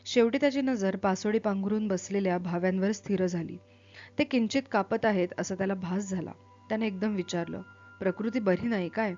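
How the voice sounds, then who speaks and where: A woman reading a literary novel aloud, narrating in a measured, steady way. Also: mid-range voice. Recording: dull lo-fi with faint music.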